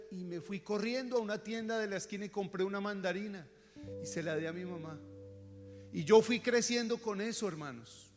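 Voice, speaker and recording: A high-pitched man with a Colombian accent preaches a sermon testimony, earnest in his telling. He drops to hushed tones and climbs to fervent shouts. His voice rings through a long-echoing hall with instrumental music underneath. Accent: Colombian Spanish. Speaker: pastor. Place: church service.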